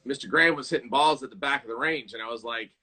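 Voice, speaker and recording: Upbeat guy on a live video chat, bright voice, reacts a lot. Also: medium pitch, husky. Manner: enthusiastic, quick to react. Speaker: guest, golf coach. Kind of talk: casual chat.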